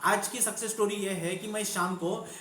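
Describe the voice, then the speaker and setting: A man's voice: sits high, steady tone, normal speed, fairly bright tone. A man coaching an online class, telling a story at length and repeating phrases, with many fillers. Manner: repetitive, storytelling, frequent fillers. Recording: echoey room, faint background hum.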